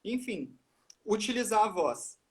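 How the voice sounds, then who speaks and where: A man explains things in a live conversation, with a voice pitched well above most men. He teaches step by step and poses rhetorical questions before he answers them. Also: big pitch swings, measured pace. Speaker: speech therapist guest.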